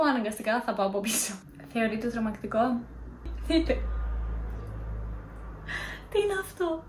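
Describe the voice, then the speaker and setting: A woman's voice: on the high side, echoey room, slight background noise. A young woman in a casual vlog, chatty and self-mocking as she tells scary stories. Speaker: vlogger.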